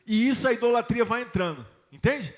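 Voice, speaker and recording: A pastor preaching a sermon to his congregation, putting questions to them emphatically and reading scripture slowly. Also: very high voice, lively intonation.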